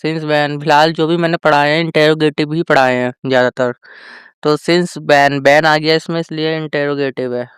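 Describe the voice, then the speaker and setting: A male teacher giving a vocabulary lesson, addressing viewers as friends and slowly drawing out each example sentence. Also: fairly high pitch, steady tone, fairly bright tone, smooth, no echo, clean studio sound. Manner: slow, drawn-out example sentences. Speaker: English teacher.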